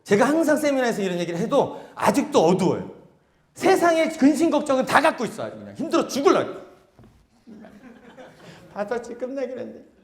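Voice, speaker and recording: Animated man lecturing in an echoey hall. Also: extremely high pitch, fast. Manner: animated, acts out scenes with sudden shouts. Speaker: taekwondo seminar lecturer. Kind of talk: seminar lecture.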